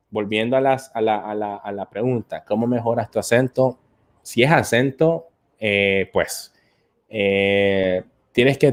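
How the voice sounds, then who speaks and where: A man's voice: low voice, a little hiss or hum. A man hosting a live-stream English lesson, answering viewer comments in a hesitant way, with many filler sounds and repeated words. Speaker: English teacher and host.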